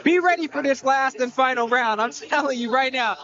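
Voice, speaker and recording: A man doing casual live boxing commentary, excitable and streetwise, repeating phrases and tossing in coaching tips. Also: extremely high pitch, brisk. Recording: muffled mic amid noisy fight crowd. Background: fight crowd.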